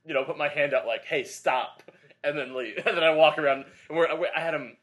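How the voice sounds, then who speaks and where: A man's voice: fairly high pitch, quick pace, a bit bright. A young adult man co-hosting a fitness podcast, telling a long rambling story with lots of filler in a casual chat. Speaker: podcast co-host and Pilates instructor.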